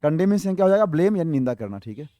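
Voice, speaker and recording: Man, vocabulary teacher, high voice, dry close sound, quizzes the viewers and answers himself. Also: sing-song, racing, mellow, no echo. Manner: explains word by word, asks the viewers questions and answers them himself; spells words out letter by letter. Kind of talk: exam-prep vocabulary lesson.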